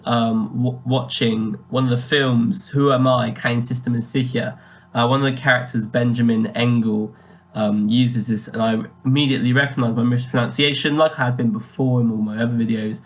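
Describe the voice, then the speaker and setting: A young man, a language student talking through his pronunciation coursework, hesitant with many fillers, slowing down to sound out German words. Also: mid-range voice. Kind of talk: spoken coursework reflection. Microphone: webcam.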